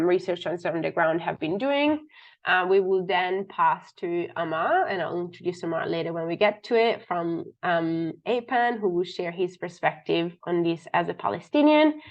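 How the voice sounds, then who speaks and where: A woman with a slightly muffled, sick-sounding voice, informally and somewhat haltingly introducing an online event as its host. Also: fairly low pitch. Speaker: webinar host. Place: online video webinar. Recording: dull, muffled online call audio.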